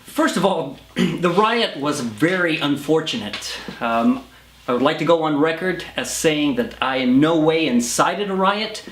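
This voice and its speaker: A man playing a defensive, flustered male professor in a screen drama, halting and evasive, in a roomy recording. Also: a little high, lively intonation, a bit bright, a little hiss or hum. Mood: strained politeness. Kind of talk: naturalistic screen acting.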